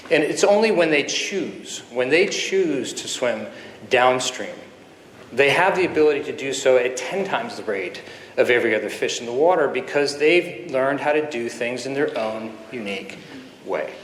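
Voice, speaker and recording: A man in his fifties, a surgeon giving an earnest keynote speech full of anecdotes, with pauses and fillers, at a podium microphone in a conference hall. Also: medium pitch, lively intonation, slight background noise. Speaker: guest speaker, surgeon. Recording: echoey hall with faint ambience.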